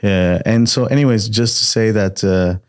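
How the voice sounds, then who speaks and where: A low-voiced man from Peru, raised in Montreal, talks through his background as a guest in a car. His telling is steady but full of small hesitations and restarts. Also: normal speed. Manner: steady storytelling with frequent hesitations. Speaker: podcast guest, entrepreneur. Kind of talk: casual chat.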